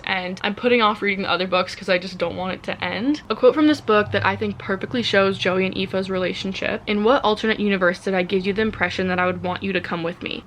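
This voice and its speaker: A woman's voice: mid-range voice, fairly bright tone, a little hiss or hum. A woman book vlogger in a casual wrap-up chat, gushing and chatty, full of fillers and repeated words.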